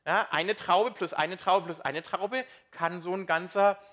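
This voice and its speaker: Male preacher, conversational sermon, slightly high, bright tone. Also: measured pace. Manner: lively, conversational, asks the congregation questions.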